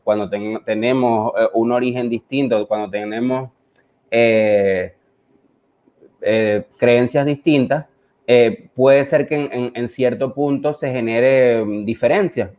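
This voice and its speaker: A man's voice: medium pitch, a little mellow. A man with a Caribbean Spanish accent talking reflectively as a visual artist, hesitant and often searching for words. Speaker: visual artist presenting his work. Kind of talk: reflective conversational talk. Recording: dull, lo-fi online audio.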